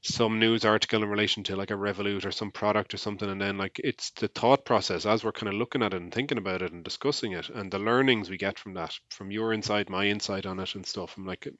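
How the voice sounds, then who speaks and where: A man co-hosting a podcast, chatting casually and quickly, peppering his talk with fillers. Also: lowish voice, no room sound. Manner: quick, lively, lots of fillers like "like". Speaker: podcast co-host. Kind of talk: casual chat. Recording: dull dry mic sound.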